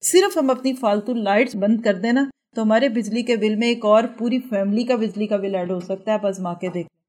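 Brief: woman religious teacher, earnest lecture, mid-pitched, rhetorical questions. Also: a little mellow.

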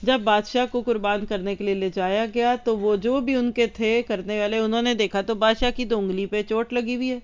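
A woman's voice: a little high, fairly even intonation, few pauses, clear, resonant tone, lo-fi sound. A woman religious teacher giving a lesson to women, speaking earnestly and addressing her listeners directly.

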